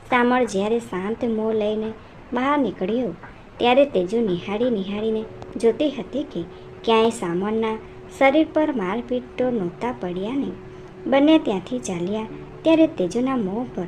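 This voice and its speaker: A woman reading a classic folk tale aloud in a steady, measured storyteller manner. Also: on the high side, a little hiss or hum. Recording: narration over music.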